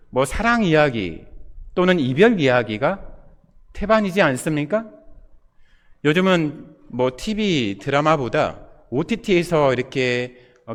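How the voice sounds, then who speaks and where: A man's voice: a little high, a bit bright. A male pastor preaching a Sunday sermon, putting rhetorical questions to the congregation. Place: church sanctuary. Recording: long reverb of a church hall.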